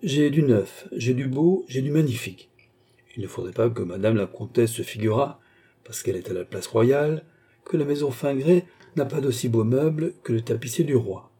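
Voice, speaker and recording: A man's voice: mid-range voice, animated, moderate pace, mellow, breathy edge. A man reading aloud and voicing a sly, fawning furniture merchant with wheedling sales talk.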